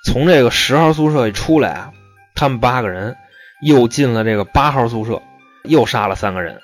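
A man tells a true-crime story in loose, colloquial fashion. He swears freely and keeps tossing in rhetorical asides, in a medium-pitched voice. Faint music runs behind him. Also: lively intonation, fairly quick.

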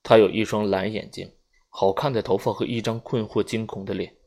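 Low, gravelly male audiobook narrator. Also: steady tone, fairly quick, a little mellow.

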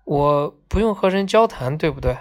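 A woman's voice: low voice, animated, normal speed, darkish tone. A woman storyteller voicing a shy, grumpy man who answers curtly and reluctantly.

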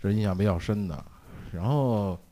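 A man's voice: fairly low pitch, moderate pace, mellow. A man with a Beijing accent telling personal stories in a casual, colloquial chat, acting out sounds and quotes as he goes.

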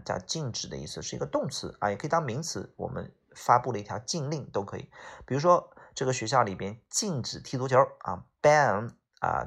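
A man teaching English exam vocabulary, explaining each word and slowly repeating the English terms. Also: lowish voice, creaky, fairly bright tone, husky. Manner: explains in Chinese, repeats English words slowly, frequent "OK啊" tags.

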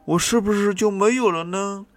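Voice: medium pitch, moderate pace, voice pushed up, lightly acted. A reader voicing a small, curious boy in a storybook, asking earnest, wondering questions over backing music. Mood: questioning. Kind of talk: storybook reading. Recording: music playing behind the reading.

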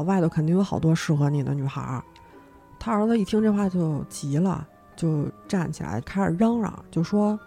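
A young woman narrating a horror story as podcast host, acting out each character's lines with sudden jumps in pitch. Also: vocal fry. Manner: animated telling, acts out the characters' lines with sharp pitch jumps.

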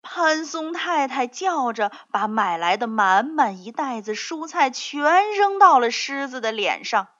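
A woman reading a children's picture book aloud, telling the story slowly and expressively. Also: sits high, big pitch swings, fairly bright tone. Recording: dull lo-fi recording.

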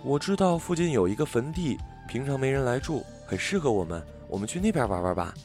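A man voicing a lovelorn young female ghost in an audiobook story, speaking softly and in a hushed way. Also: mid-range voice, sing-song, a little fast, soft background music. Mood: coaxing.

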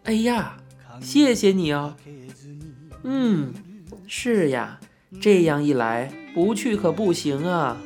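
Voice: medium pitch, big pitch swings, slow pace, pauses often, a little mellow, soft background music. A narrator voicing a cheerful middle-aged mother in an audiobook, chatty and gushing. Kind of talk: audiobook character voice.

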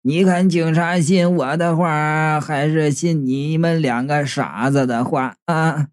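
A reader voicing an old man who is a possessed corpse, speaking slowly and hesitantly in an audiobook story. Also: medium pitch, lively intonation, mellow. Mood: sneering. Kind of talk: audiobook character voice.

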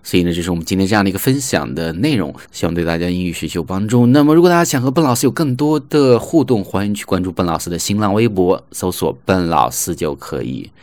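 Low-voiced male pronunciation teacher. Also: lively intonation, a little mellow, dry recording. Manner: models English phrases slowly and repeats them. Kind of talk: online language lesson.

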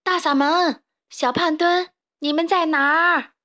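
Woman doing a loud, brave boy chick. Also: extremely high pitch, steady tone, measured pace, dry recording, pitched above the performer's own voice, heavily acted. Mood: calling. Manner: shouting, daring.

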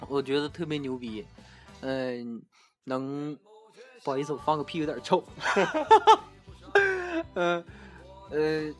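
Chatty Northeastern man, slightly high. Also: fairly bright tone. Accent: Northeastern Mandarin. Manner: chatty storyteller, halting restarts. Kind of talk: casual chat.

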